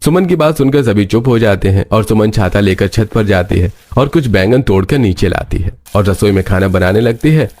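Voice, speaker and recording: Low-voiced male storyteller. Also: a little fast, few pauses. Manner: steady, storytelling. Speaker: narrator. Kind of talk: scripted storybook narration.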